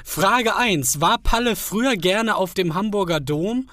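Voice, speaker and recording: A man with a notably high-pitched voice chats casually as a co-host. The recording is dry, with no room sound. His talk is colloquial and full of playful back-and-forth banter. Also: measured pace, sharp tone, no echo. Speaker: podcast co-host. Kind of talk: casual chat.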